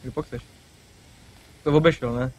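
A young man hosting a gaming video, chatting casually and excitedly with a friend, swearing and laughing often. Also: mid-range voice, highs cut off. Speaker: gaming channel host. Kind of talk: casual let's-play banter.

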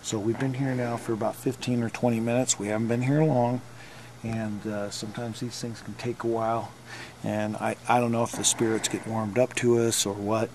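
A middle-aged man talks casually to camera as host of a paranormal investigation. His voice sits at a middle pitch, and the camera mic catches plenty of outdoor noise around him. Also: little pitch movement, normal speed, a little mellow. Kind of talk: casual on-location explanation to camera. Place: outdoors at night in town. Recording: noisy outdoor camcorder audio, traffic ambience.

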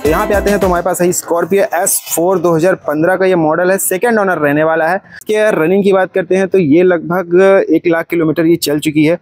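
A man's voice: sits high, steady tone, brisk, few pauses, soft background music. A young man vlogging casually from an outdoor used car lot, chatty and friendly, calling the viewer brother and mixing English words into his talk. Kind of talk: casual walkaround commentary.

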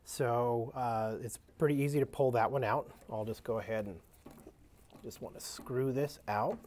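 An equipment demonstrator talks through a maintenance task at a bench in an indoor workshop, unscripted and somewhat halting. His ordinary mid-pitched voice has a darkish tone, he fills gaps with "uh" and restarts, and there's slight background noise.

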